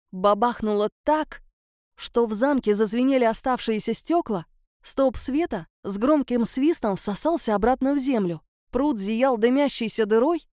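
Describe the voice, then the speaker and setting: A woman narrating a first-person fantasy audiobook with a lively, expressive reading. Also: a little high, no room sound, studio quality.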